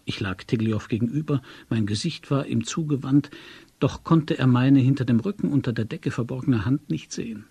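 A man narrating a story in the first person, in a measured storytelling manner. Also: medium pitch, mellow, breathy edge, no room sound. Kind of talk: audiobook narration.

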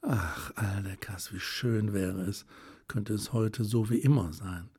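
A man voicing a shy, tender young woman who is quick to tears, speaking softly and often in a whisper with a hesitant, wistful manner. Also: fairly low pitch, husky, heavily acted.

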